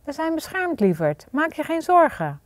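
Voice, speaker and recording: A woman voicing a calm mother in a storybook reading, soft and soothing. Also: high voice, moderate pace, no room sound, clean studio sound, voice pushed up.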